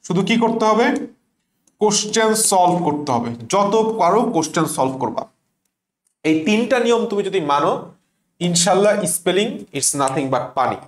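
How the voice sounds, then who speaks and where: A man's voice: sits high, reverberant. A young man tutoring for an admission exam, drilling points by asking and answering his own questions. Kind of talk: online lesson.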